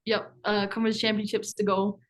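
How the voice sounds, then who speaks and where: A woman's voice: mid-range voice, flat delivery, fairly quick, crowd noise. A young woman from Tasmania with a Tasmanian Australian accent, answering casually as a college athlete on a video call. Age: young adult. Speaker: college basketball player. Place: indoor team room, video call.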